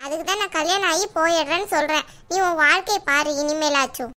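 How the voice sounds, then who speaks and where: A woman's voice: high voice, a little fast, sharp tone. A woman voicing a worried young married village woman in a cartoon, pleading and scolding her sister. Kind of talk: cartoon dialogue.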